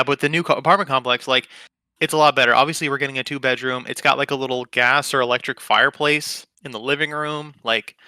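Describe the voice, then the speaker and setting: Young guy co-hosting a podcast, laid-back and swearing a lot, really bright voice, dry close mic. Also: mid-range voice, clear, resonant tone, no room sound. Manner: rambling, profane, laid-back. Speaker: podcast co-host. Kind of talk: casual chat.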